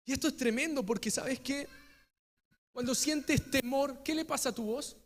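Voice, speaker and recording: High-voiced Chilean man preaching in a reverberant hall. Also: normal speed. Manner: dramatic swings from hushed to shouted emphasis. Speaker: pastor. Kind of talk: sermon. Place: church hall. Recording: long reverb of a church hall.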